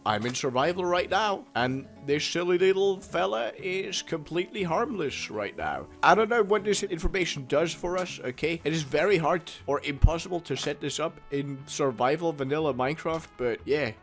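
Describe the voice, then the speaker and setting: Guy reacting to posts, excitable, keeps saying okay, soft music underneath. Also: fairly high pitch, moderate pace. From Austria. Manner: animated, often tags lines with "okay?". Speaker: YouTuber reacting to community posts. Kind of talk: casual reaction commentary.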